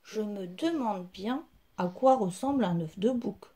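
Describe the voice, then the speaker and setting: A woman's voice: mid-range voice, lively intonation, unhurried, dark tone, voice pushed down, lightly acted. A woman voicing a puzzled, plaintive male goat in a children's storybook.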